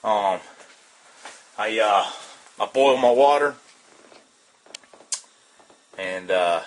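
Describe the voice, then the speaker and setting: A man with a Southern US accent giving a casual how-to demonstration of a homemade stove, relaxed and rambling, with lots of uh and um fillers. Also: on the low side, extremely slow. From Southern United States. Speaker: outdoor gear hobbyist demonstrating a stove.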